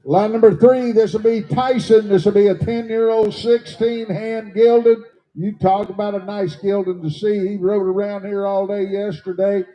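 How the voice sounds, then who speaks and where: A man announcing at a horse sale, plainly pitching each horse's skills to buyers. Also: steady tone, moderate pace, muffled recording. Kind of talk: sales pitch. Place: horse auction ring.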